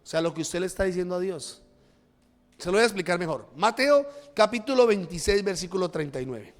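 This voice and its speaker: A man's voice: high-pitched, animated, a little fast. A male pastor preaching a sermon in a church, with emphatic rises and drops, acting out the prayers he quotes.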